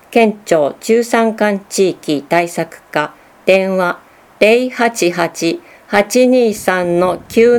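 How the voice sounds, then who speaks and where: A woman announcer reading public information notices, slowly and carefully spelling out phone numbers and web addresses. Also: fairly low pitch.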